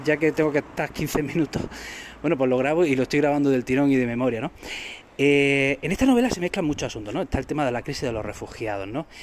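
A man's voice: medium pitch, slight background noise. Rambling man hosting a book talk. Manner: rambling, many restarts and fillers, rhetorical questions. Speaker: podcast host reviewing a novel. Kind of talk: unscripted casual book talk. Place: home during lockdown.

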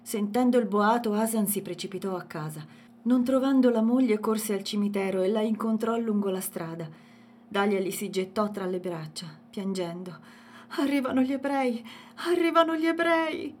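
A woman narrating an audiobook in a measured, expressive reading. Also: medium pitch, a little hiss or hum.

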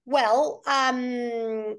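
A woman's voice: fairly high pitch, steady tone, extremely slow, a bit bright, clear, resonant tone. A woman from Portugal, a guest telling her story earnestly and with many restarts. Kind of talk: casual interview chat.

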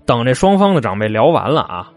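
Male true-crime narrator, animated swooping delivery, chatty folksy asides, faint music under him. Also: mid-range voice, brisk. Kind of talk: colloquial spoken crime storytelling.

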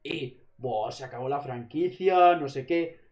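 A man's voice: mid-range voice, unhurried, darkish tone, lo-fi sound. A man from co-hosting a casual podcast, talking emphatically and mimicking his younger self. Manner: emphatic, acts out his past self in a drawling voice. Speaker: podcast co-host. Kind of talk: casual chat.

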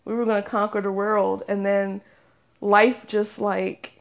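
A woman's voice: mid-range voice, level tone, a little slow, vocal fry. A woman in her thirties chatting casually as a vlogger, rambling and self-mocking and often breaking into laughter. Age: 30s. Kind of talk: casual chat.

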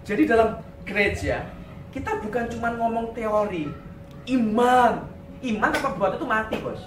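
A male pastor giving a lively sermon in a church, sprinkling in English words and acting out quotes. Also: sits high, moderate pace. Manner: animated, mixes in English words, acts out quotes. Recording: echoey room, distant mic, faint noise.

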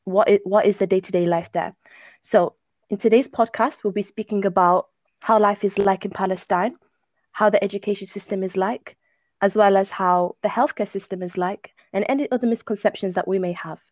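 A woman's voice: medium pitch, steady tone, a little fast, a little mellow, no room sound. Young woman hosting a podcast. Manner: friendly interviewer, short backchannels. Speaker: podcast host. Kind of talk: casual podcast interview.

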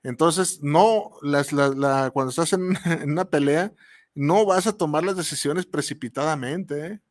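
A man's voice: on the high side, measured pace, no echo. Slangy Mexican man, dry close sound. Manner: slangy, rambling, acts out quoted voices. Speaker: podcast host. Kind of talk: casual monologue.

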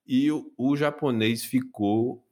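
A man's voice: medium pitch, slow pace, darkish tone. A man hosting a podcast, telling funny stories in casual chat and laughing often. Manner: jokey storyteller, laughing often. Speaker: podcast host.

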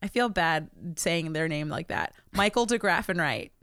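A woman's voice: fairly low pitch, expressive, moderate pace, a bit bright, clear, resonant tone, no room sound, studio quality. A woman co-hosting a podcast in casual chat, rambling with fillers and frequent laughter. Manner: giggly, rambling with many fillers. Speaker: podcast co-host.

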